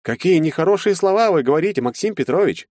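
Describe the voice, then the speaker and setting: A man's voice: on the high side, lively intonation, fast, a little mellow, no room sound, studio quality, voice pushed up, natural voice. A man reading an audiobook, voicing a nervous, evasive middle-aged male lawyer who talks around every question. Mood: indignant.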